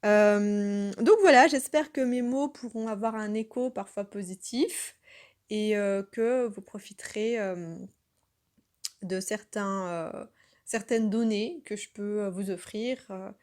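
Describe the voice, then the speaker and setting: A woman from France talking spontaneously in an unscripted monologue, earnest and reflective, with many pauses and self-corrections. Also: medium pitch, darkish tone. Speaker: channel host.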